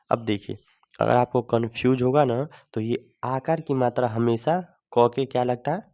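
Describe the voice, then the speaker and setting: A man at an everyday middle pitch takes children through their letters one sound at a time. He repeats each step patiently and keeps asking the class what comes next. The recording sounds dull and lo-fi. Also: darkish tone. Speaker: teacher. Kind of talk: children's Hindi alphabet lesson.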